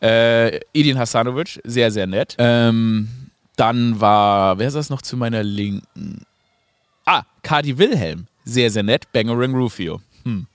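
A man's voice: medium pitch, measured pace, no room sound. Dry-voiced man rambling ironically. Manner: ironic, rambling, with many fillers and asides. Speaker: podcast host and comedian. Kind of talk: casual comedic monologue.

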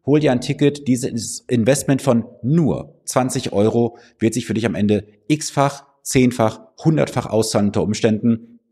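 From his office, a financial advisor with a slight cold hosts his finance podcast, talking to camera at a moderate pace. His medium-pitched voice sounds warm and slightly rough as he offers the listener direct, persuasive advice.

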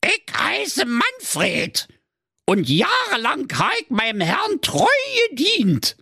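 A man's voice: wildly swooping pitch, takes it slowly, gravelly, pushed and bright, husky, dry recording, clean studio sound, exaggerated voice. A man voicing a cheeky, plucked male parrot in a comic audiobook. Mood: whiny. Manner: shrill, cheeky, squawking.

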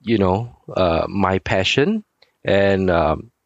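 Man in his forties, deep voice, easygoing, halting guest with a dry close sound. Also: lively intonation, vocal fry, no echo, dull audio. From Singapore. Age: 40s. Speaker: guest, sneaker designer. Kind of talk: casual interview chat.

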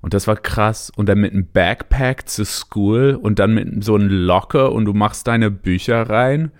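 A man's voice: on the low side, normal speed. A man speaking as a native English speaker with a British accent, chatting casually and hesitantly in an interview, mixing in English words. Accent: British English accent in German. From Canada and England. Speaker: interview guest, musician.

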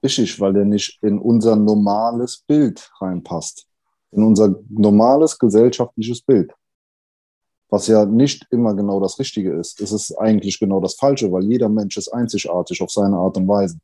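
Dark-voiced man in his thirties, halting. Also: on the low side. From Germany, Italian family. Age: 30s. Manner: halting, thoughtful, many fillers. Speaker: podcast guest. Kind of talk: candid conversation.

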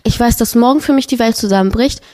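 A woman's voice: fairly high pitch, fast talker. A young adult woman, a podcast guest, telling a painful personal story with feeling in a casual chat. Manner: emotional, animated storytelling.

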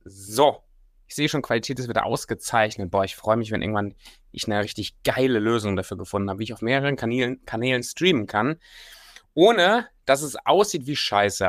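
A man's voice: lowish voice, dry recording, studio quality. A man hosting a livestream as a coach, talking informally and directly to the listener in casual motivational talk and guided exercises. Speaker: livestream host, self-development coach.

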